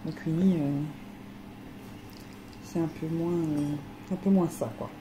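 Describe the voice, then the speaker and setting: A woman's voice: low voice, steady tone, takes it slowly, noisy background. A woman vlogging outdoors in a dog enclosure, chatting to viewers with a slight lisp and cooing baby talk to her dogs. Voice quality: slight lisp from new teeth. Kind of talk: casual vlog chat with pets.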